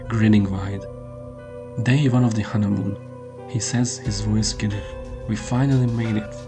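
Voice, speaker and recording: A man narrates a scripted horror tale in a measured way. His voice sits on the low side and keeps a varied contour from a fairly narrow span. Music plays clearly behind him. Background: prominent music under the voice.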